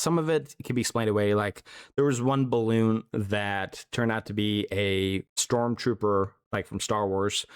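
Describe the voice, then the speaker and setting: A man co-hosting a casual podcast, reasoning aloud quickly with a self-deprecating touch. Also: lowish voice, clear, resonant tone, dry recording, studio quality. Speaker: podcast co-host.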